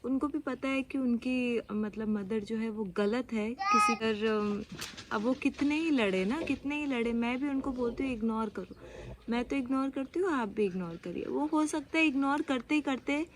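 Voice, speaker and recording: A woman's voice: on the high side, normal speed, background noise. A young woman from India vlogging in a casual, confiding way, mixing in English phrases as she talks. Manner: chatty, mixes Hindi with English phrases.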